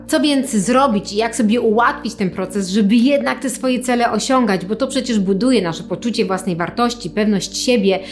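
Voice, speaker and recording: A woman speaks as a motivational coach over a clear music bed. Her pitch sits in the middle of the female range. She addresses the listener directly, instructing and guiding in the manner of a personal development session. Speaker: coach, podcast host. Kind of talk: motivational coaching talk with guided visualization. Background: clear background music.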